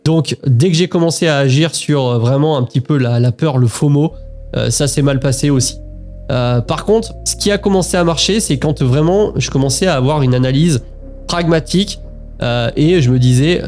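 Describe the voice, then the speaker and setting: A man's voice: mid-range voice, a little mellow. A man talking casually and directly to the viewer about his investing, walking through charts with frequent hesitations. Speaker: investing vlogger. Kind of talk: casual talk to camera while screen-sharing charts.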